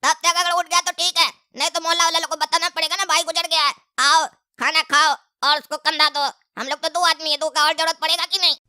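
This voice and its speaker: A cheeky cartoon boy, voiced by a woman who teases his father in long sarcastic rambles. His voice sits extremely high and sounds sharply bright. He breaks into shouts and laughter. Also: little pitch movement, fairly quick, hardly any pauses, full character voice. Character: cheeky young boy, mouthy and teasing.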